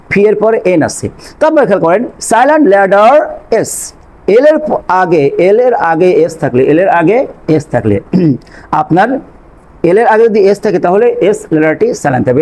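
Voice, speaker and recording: A man's voice: sits high, a little mellow, poor audio. A man teaching an English lesson on pronunciation in a patient, repetitive way, asking questions and answering them himself.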